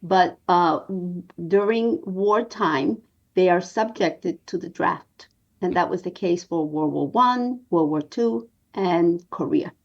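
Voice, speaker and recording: A woman in her sixties from New York, a documentary producer telling her story in an interview with an earnest, measured manner and many pauses. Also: on the low side, creaky, muffled recording.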